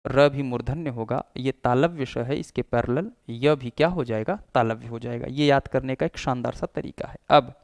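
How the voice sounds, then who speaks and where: A male teacher giving a lecture. His voice is smooth and resonant, close to the mic. The recording is dry, with no room echo. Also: medium pitch. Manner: explanatory, demonstrates sounds aloud. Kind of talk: classroom lecture.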